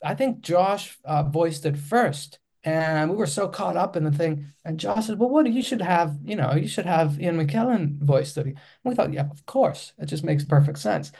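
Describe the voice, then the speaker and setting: A man's voice: on the high side, lively intonation, normal speed, vocal fry, hardly any pauses, a little mellow, breathy edge. A Greek-accented man in his forties, a filmmaker guest in an interview, speaking hesitantly with many restarts. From Greece.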